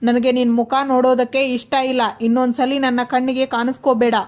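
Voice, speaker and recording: A woman voicing a cold, accusing young husband, without lowering her high, flat voice. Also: fairly quick, close to an everyday voice. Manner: harsh, accusing.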